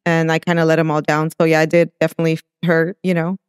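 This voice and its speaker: A man born in Mexico and raised in California, talking as a guest in a casual interview, soft-spoken and hesitant, pausing often as he reflects. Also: a little high, monotone, clean tone, no echo, clean studio sound. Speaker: guest, restaurant entrepreneur.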